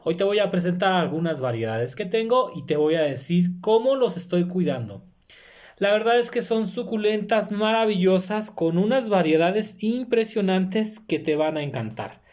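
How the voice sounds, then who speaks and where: A man's voice: high-pitched, expressive, moderate pace, darkish tone. A man chatting casually in a gardening vlog, friendly and talkative, often stopping to correct himself mid-word. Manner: friendly, chatty, self-correcting with small slips. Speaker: succulent grower vlogger.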